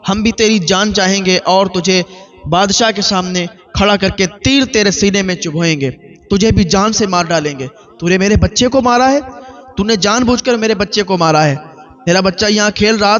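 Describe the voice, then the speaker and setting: A man's voice: sits high, a bit bright. A man preacher voicing a grieving father who accuses the killer of his only son. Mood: accusing. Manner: accusing, grief-stricken, emphatic. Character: grieving, angry father of a slain boy. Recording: dull lo-fi with faint music.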